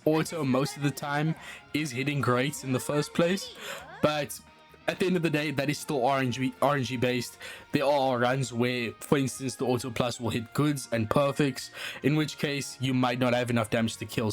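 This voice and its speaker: A man with a South African accent talks through a game team setup in a relaxed, explanatory way, dropping "uh" now and then as he thinks. His pitch sits in an ordinary middle range. Faint guitar music plays quietly beneath his voice-over. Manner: casual explanatory, frequent "uh" fillers. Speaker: gaming channel host. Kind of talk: game strategy walkthrough. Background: faint background music.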